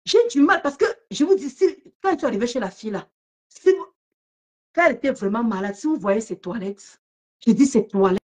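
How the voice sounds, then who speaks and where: A woman ranting casually on a live stream about an online feud, mocking and laughing loudly, talking fast in bursts. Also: a little high, expressive.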